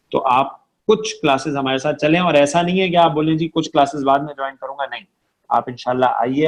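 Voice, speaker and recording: A man teaching an online Arabic recitation class, patiently drilling letter sounds over and over and often checking that his students follow. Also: medium pitch. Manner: patient, drills sounds by repeating them, keeps checking understanding.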